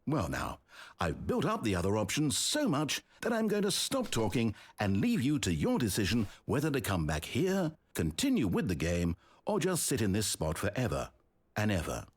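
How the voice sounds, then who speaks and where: A British man voicing a wry, teasing narrator in a video game, speaking directly to the player in a deep, sultry, mocking tone. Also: wildly swooping pitch, normal speed, slightly rough, heavily acted.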